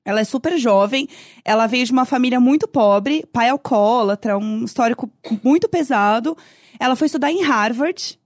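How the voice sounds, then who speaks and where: A woman from Brazil in her thirties, co-hosting a podcast and telling stories with lively laughs and shrieks. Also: fairly high pitch, moderate pace, no room sound, clean studio sound. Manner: animated storytelling, shrieking laughs. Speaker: podcast co-host. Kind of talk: casual chat.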